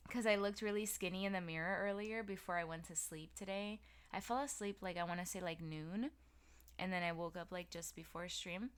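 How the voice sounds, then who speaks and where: A woman's voice: fairly low pitch, fairly even intonation, a little fast, smooth. A woman streamer chatting casually and earnestly with her chat, full of filler words. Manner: talks straight to chat, filler-heavy, earnest.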